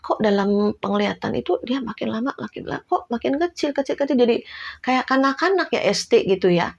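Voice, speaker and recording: A woman's voice: a little high, expressive, fairly quick, vocal fry, muffled recording. A middle-aged woman evangelist telling a testimony in a sermon, speaking to the congregation as "saudara" and acting out the voices of others in her story. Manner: storytelling, addresses listeners as "saudara", acts out dialogue, laughs often. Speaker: evangelist preaching.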